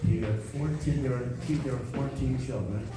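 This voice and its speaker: A man's voice: mid-range voice, normal speed. An older American man with a grandfatherly, rambling way of talking tells family history informally, circling back and repeating phrases. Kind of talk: informal oral family storytelling. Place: echoey room, recorded from a distance. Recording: roomy, noisy, distant microphone, clicks.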